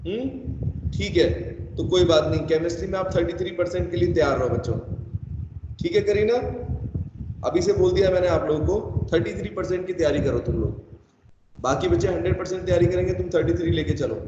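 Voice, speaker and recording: A man's voice: high-pitched, a little fast. A man teaching an online chemistry class, sternly scolding students for not replying and missing homework. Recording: echoey, dull online call audio with noise.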